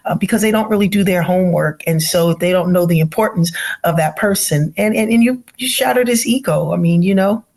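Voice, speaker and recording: A woman's voice: fairly low pitch, darkish tone. A woman co-hosting a talk show, stating blunt opinions emphatically. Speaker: co-host. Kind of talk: casual talk-show chat.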